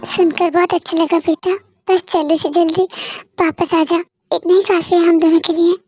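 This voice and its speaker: A fretful, tearful father doting on his daughter, read by a woman in a homemade audio drama. The voice sits extremely high, with faint music beneath. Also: flat delivery, normal speed, a little mellow, no echo. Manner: fretful, emotional. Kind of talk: amateur fan audio drama.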